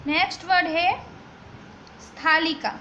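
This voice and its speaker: A woman teaches a vocabulary lesson at an unhurried pace, spelling each word out letter by letter. Her voice sits high. The recording sounds a little dull, with faint noise underneath. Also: fairly even intonation, bright, forceful tone. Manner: slow, patient, spells words letter by letter.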